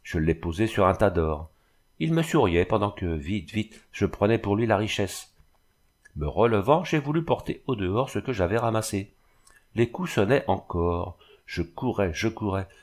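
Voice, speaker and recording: A man's voice: on the low side, expressive, normal speed. A man reading as a grief-stricken peasant mother. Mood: anguished. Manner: pleading, anguished storytelling.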